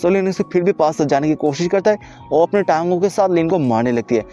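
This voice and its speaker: A man narrating an anime story recap in casual Hindi-Urdu, rapid and chatty, often starting lines with "so". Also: fairly high pitch, mellow, soft background music. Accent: Hindi-Urdu speaker, mixes in English words. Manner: rapid, chatty, keeps repeating "so".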